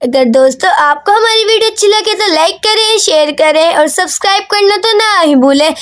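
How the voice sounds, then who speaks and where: Very high-voiced woman storyteller. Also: lively intonation, a bit bright. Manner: slow, simple storytelling. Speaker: narrator of doll stories. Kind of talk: children's story narration.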